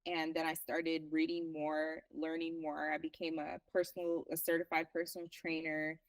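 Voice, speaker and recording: A young woman from Liberia talks earnestly about her path as a herbalist, pausing and restarting as she gathers her thoughts. Her voice sits low. The sound is dry, with her set back from the microphone. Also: little pitch movement, no echo, recorded from a distance, rough recording. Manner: earnest, reflective, halting restarts. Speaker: guest herbalist. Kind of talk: casual interview talk.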